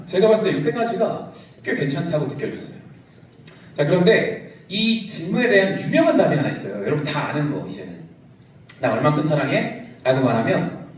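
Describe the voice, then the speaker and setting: A middle-aged man preaches to a young congregation, his fairly high voice jumping up and down as he jokes and teaches. He sounds some way from the mic, and the big sanctuary rings with a strong echo under a faint hiss. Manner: lively, joking with the congregation. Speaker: pastor. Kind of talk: youth service sermon. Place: large church sanctuary. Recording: echoey church hall, from a distance.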